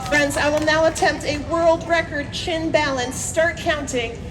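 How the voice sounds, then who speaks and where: Over loud music and a noisy crowd outdoors, a woman street performer works her audience in a high voice. She takes her time, pitching playful kids' magician patter with countdowns, prompts and self-mocking jokes. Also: steady tone, measured pace. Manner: joking, self-mocking asides. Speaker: street performer, hula hoop juggler. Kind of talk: comedic live street show patter to a crowd.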